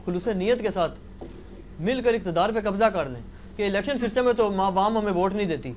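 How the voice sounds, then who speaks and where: A man's voice: high voice, a little hiss or hum. A man interviewing a scholar, politely relaying questions at length. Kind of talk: reading out questions.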